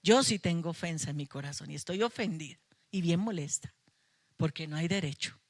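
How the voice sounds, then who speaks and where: A woman's voice: fairly low pitch, fairly quick, dry recording. A middle-aged woman pastor, preaching a sermon with emphatic passion and playful asides to her congregation. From Colombia. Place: church sanctuary.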